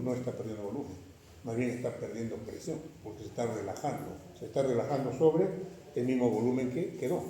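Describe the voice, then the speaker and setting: A man's voice: mid-range voice, warm tone. A man lecturing a class, questioning his students rhetorically and checking in with frequent "right?" tags. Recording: echoey classroom recorded from far off.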